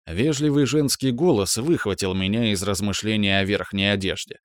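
A man narrating an audiobook in a calm, even storytelling manner. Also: fairly low pitch, normal speed, no room sound, studio quality.

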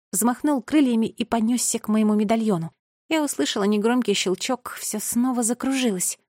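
A woman narrating a children's audiobook in the first person, with lively storytelling. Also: mid-range voice, no echo, clean studio sound.

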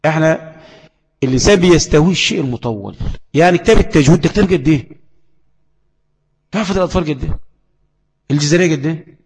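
A man's voice: a little high, expressive, very fast, long pauses, darkish tone, long reverb tail, rough recording. A man with an Egyptian accent teaching tajweed, explaining letters and checking understanding with rhetorical questions. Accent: Egyptian Arabic. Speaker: Quran recitation teacher. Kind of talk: tajweed lesson.

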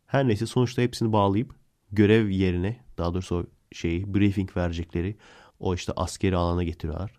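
A man's voice: low-pitched, fairly even intonation, quick pace, darkish tone. A man hosting a podcast, casually retelling a film plot in a rambling way and correcting himself as he goes. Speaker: podcast host.

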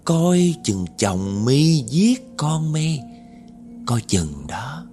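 Male narrator doing a slow murmuring ghost woman, eerie, repeats her warning. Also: a little high, sing-song, warm tone, faint music behind, pitched above the performer's own voice, heavily acted. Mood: ominous. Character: whispering female ghost, eerie, repetitive warning.

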